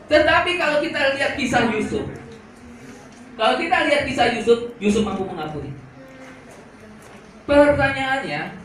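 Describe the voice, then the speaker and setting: Animated preacher in an echoey hall. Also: male voice, very high-pitched, far from the mic, a little hiss or hum. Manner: animated, asks the audience questions. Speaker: evangelist preaching to students. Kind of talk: youth sermon.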